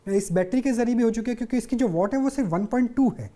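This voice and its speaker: A woman with a slightly high, warm voice talks fast as a news interviewer. She explains and asks questions off the cuff on air, in a wordy and repetitive way.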